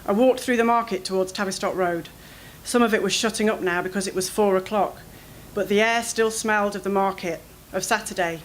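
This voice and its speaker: A woman reading her own first-person fiction aloud at a literary event, in an expressive, anxious storytelling manner. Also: medium pitch, a little hiss or hum, rough recording.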